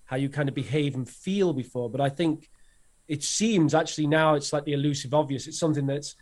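A man's voice: on the high side, brisk, a little mellow. Rambling, hesitant male podcast host. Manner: rambling, hesitant, many fillers and restarts. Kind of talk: interview questions, casual chat.

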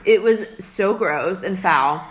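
A young woman on a podcast, casually telling a story in an animated, giggly way and acting out what people said. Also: lowish voice, slow pace, roomy sound, a little hiss or hum. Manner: animated, giggly, acts out quoted voices. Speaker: podcast host.

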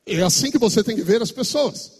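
A man preaching a sermon as pastor with a Brazilian Portuguese accent, swinging between shouts and a sing-song preaching cadence. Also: high voice, expressive, fairly quick, husky. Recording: long hall reverb.

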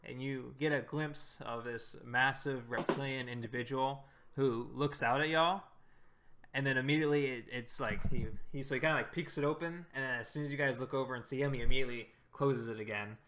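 Guy running a tabletop rpg, bright voice, laid back, lots of "like" and "uh". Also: mid-range voice, a little fast. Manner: descriptive, relaxed narration with fillers. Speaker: game master. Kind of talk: narrating a tabletop game.

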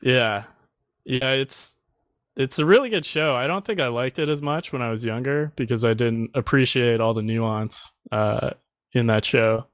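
A young man as a podcast guest, soft-spoken and hesitant, often apologizing. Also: mid-range voice, moderate pace, no room sound, clean studio sound. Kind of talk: casual chat.

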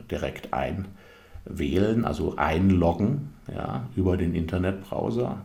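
Recorded in an echoey room, this low, creaky and slightly mellow male voice belongs to a podcast host and software consultant from Germany. He explains things casually in a monologue, chatty and laden with fillers.

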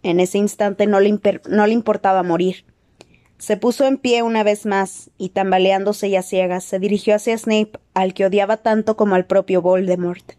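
A woman reading a novel aloud as an audiobook narrator, in steady, dramatic scripted narration. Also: medium pitch.

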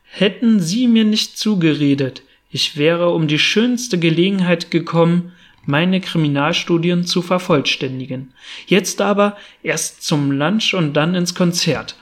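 A man reading the part of a brisk, sharp-witted male detective who talks impatiently and commandingly, in an audiobook reading. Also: fairly high pitch, lightly acted. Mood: elated.

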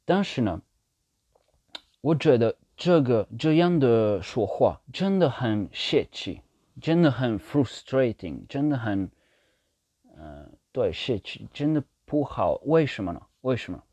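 A man speaking non-native Mandarin with a foreign accent, talking casually and haltingly as he searches for words and repeats phrases for emphasis. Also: mid-range voice, sing-song, warm tone, no echo. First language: not Mandarin. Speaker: language learner sharing his experience. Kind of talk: casual monologue in a learned language. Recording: dull, slightly lo-fi sound.

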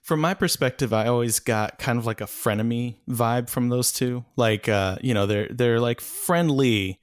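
A man co-hosting a casual movie podcast, talking in a relaxed, loose way with many fillers. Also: mid-range voice, moderate pace, smooth, no room sound. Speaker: podcast co-host.

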